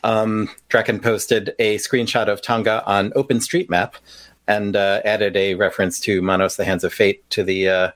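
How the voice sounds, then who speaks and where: A man with a fairly low voice co-hosting a radio show. He reads out listener posts at an easy pace, filling gaps with small hesitations. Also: little pitch movement, moderate pace, a bit bright. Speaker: radio co-host. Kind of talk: reading listener comments on air.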